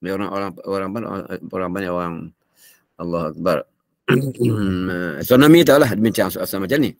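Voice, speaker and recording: A man's voice: low voice, normal speed, a little mellow, no room sound, clean studio sound. An older man with a Malaysian Malay accent giving a morning religious lecture in a chatty, digressive way, breaking into Arabic recitation and coughing often. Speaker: religious teacher.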